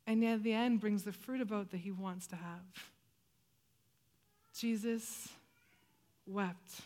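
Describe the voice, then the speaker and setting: Woman pastor, sermon delivery, slightly high voice, expressive swings from loud to hushed. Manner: expressive, dramatic rises and hushed drops.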